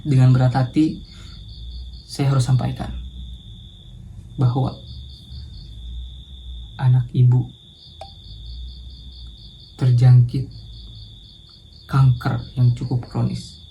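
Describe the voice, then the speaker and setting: A man acting out a somber male doctor gently delivering bad news in a slow, heavy way, with insects chirping behind. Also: mid-range voice, completely flat delivery, vocal fry, a little hiss or hum. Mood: grave.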